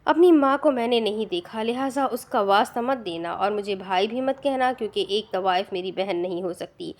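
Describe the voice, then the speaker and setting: A woman's voice: mid-range voice, lively intonation, natural voice. A woman voicing a ruthless young male avenger. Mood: harsh. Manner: harsh, commanding, contemptuous.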